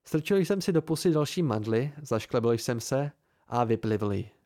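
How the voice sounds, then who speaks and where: A man reading a novel aloud in the first person with a measured, even delivery, recorded at home close to the mic. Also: medium pitch. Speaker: amateur audiobook reader. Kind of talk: first-person audiobook narration.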